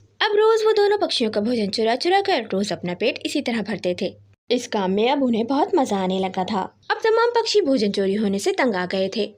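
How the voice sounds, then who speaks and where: A woman narrating a children's cartoon story in a steady storytelling manner. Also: fairly high pitch, moderate pace.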